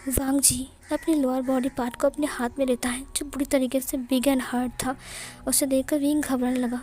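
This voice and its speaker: High-voiced woman narrating a story. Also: mellow. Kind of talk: fan fiction story narration.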